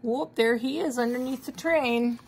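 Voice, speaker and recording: A slight hiss or hum runs beneath this grandmother's somewhat high voice, which has vocal fry and moves at a moderate pace. Middle-aged or older and mildly congested, she reads a children's story with expression and puts questions to the kids listening.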